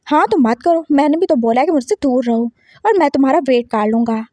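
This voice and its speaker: A stern young husband snaps back in a scolding, defensive way, as a woman puts him on. His voice sits lower than the narrator's. The sound is dry and close. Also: expressive, brisk, warm tone, no room sound. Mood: irritated.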